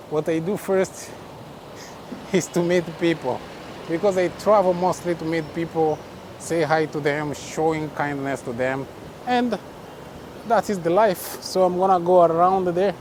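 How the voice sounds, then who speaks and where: A man vlogging his travels outdoors at a busy city market, chatting and laughing with the people he meets. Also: a little high. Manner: chatty, laughs often, talks to passers-by. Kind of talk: casual travel vlog narration. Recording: outdoor street noise.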